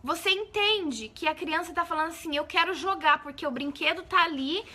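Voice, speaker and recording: A Brazilian woman chats casually on a live stream with a high, bright voice. She greets viewers by name and keeps checking in with them as she talks, in a chatty, easygoing way. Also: fairly quick. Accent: Brazilian Portuguese.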